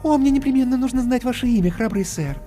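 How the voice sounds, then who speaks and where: In this audiobook character voice, a man raises his voice to a very high pitch to portray an effusive young clown woman who gushes, flatters breathlessly, and chatters with theatrical flair. He sounds expressive, quick, and mellow, recorded in a reverberant space over background music.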